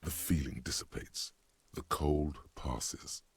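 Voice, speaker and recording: A man voicing a brooding game narrator, reading scripted narration in a husky voice. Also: rumbling low, fairly even intonation, slow, no room sound, full character voice. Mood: hushed.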